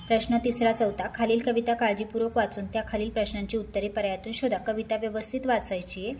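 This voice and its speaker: A woman's voice: mid-range voice, darkish tone, a little hiss or hum. A woman teacher going through exam questions step by step, reading each one aloud and then explaining its answer patiently.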